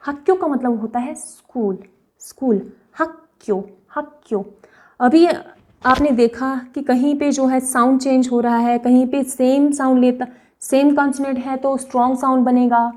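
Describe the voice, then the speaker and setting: A young woman teaches a language lesson in a high, mellow voice. She explains each point patiently, says example words slowly more than once, and keeps checking that her viewers follow. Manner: explains patiently, often checks understanding with "right?" and "okay?".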